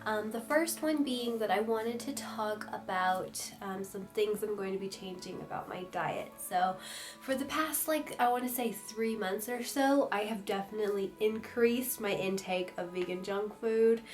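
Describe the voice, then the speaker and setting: A woman's voice: medium pitch, measured pace, faint music behind. Chatty young woman with hiccups. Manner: chatty, rambling with fillers. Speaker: vlogger. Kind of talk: casual chatty vlog.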